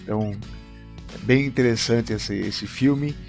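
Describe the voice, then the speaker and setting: A man's voice: medium pitch, a little slow, creaky, darkish tone, faint music behind. A Brazilian man teaching English in a video lesson at a whiteboard, explaining step by step and often checking in with viewers. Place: room with a whiteboard.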